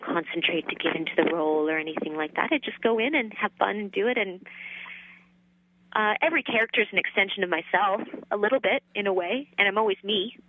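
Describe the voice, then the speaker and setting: A woman voice actress in her thirties, chatting easily as an interview guest, with relaxed fillers and a light, laughing manner. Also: mid-range voice, narrow, tinny audio, a little hiss or hum. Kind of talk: casual interview chat.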